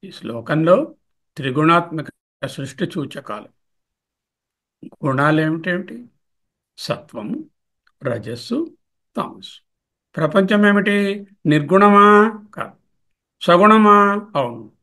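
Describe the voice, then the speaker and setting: A man's voice: sits high, animated, bright, forceful tone. A man explaining a Sanskrit hymn verse by verse in a lecture, asking questions and answering them himself. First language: Telugu. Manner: repeats verse words slowly, glossing each. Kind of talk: scholarly commentary lecture.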